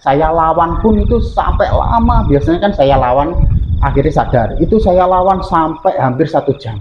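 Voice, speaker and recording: A man's voice: a little high, lively intonation, normal speed, echoey room, muffled recording, background noise. A man from East Java, telling his own experience earnestly as a guest on a radio interview. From East Java, Indonesia. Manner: earnest, plain storytelling with many fillers. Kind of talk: radio interview, personal story. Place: radio studio.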